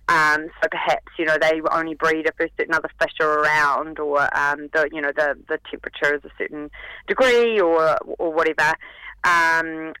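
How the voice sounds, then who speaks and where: Bright, croaky New Zealand woman on phone. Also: low voice, no echo. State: croaky from a summer cold. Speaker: radio segment contributor. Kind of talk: casual explainer on a radio show. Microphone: telephone. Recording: tinny phone line.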